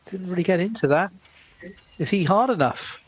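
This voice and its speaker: A man giving live snooker commentary as a commentator, in measured short phrases with pauses. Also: sits high, expressive, breathy edge, muffled recording.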